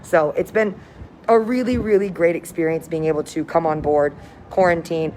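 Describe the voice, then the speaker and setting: An upbeat cruise director, a woman with a slightly low-pitched voice, chats casually to her viewers on a livestream. She sounds enthusiastic and informal, and there is clear ambient noise behind her. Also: fairly even intonation, normal speed, dark tone. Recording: noticeable background noise, windy ambience.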